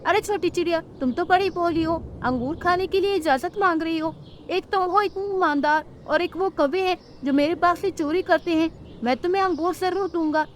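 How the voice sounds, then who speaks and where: A stern cartoon parrot who guards his orchard, as a woman voices him. He talks in a scolding way, and the voice sits very high. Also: moderate pace, a little hiss or hum. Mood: kindly. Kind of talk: cartoon storytelling.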